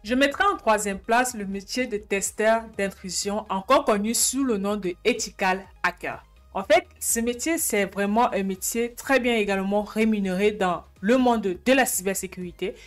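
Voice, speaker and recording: A woman's voice: medium pitch, moderate pace, faint music behind. A woman hosting an informal explainer, often posing questions to the viewer and answering them herself. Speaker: YouTube channel host.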